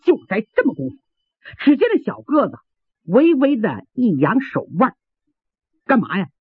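A man telling a traditional Chinese story in a dramatic, animated way, with vivid sound words. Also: high voice, moderate pace, husky, no room sound. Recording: tinny phone-like sound, dry.

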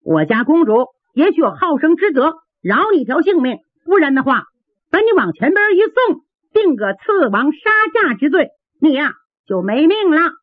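A woman doing a shrill, bossy palace maid. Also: big pitch swings, moderate pace, no room sound. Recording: dry, tinny phone-like sound.

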